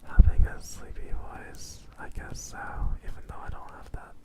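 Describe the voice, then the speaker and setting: A man in a whispered ASMR stream, talking softly and sleepily to his chat, close to a sensitive mic. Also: normal speed. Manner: soft whispering, drowsy and relaxed. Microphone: sensitive studio recorder mic.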